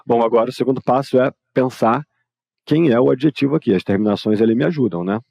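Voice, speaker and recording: A man's voice: medium pitch, fast, creaky, dry recording, highs cut off. A man with a Brazilian Portuguese accent teaching English grammar in a live online lesson, explaining informally and talking straight to his students.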